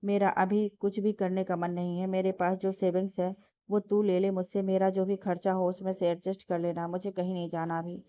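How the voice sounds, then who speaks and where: A woman voicing a heartbroken, lovesick young woman who pleads softly through tears. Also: mid-range voice, flat delivery, a little fast, lightly acted. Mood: tearful. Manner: soft, tearful pleading. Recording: dull lo-fi dry recording.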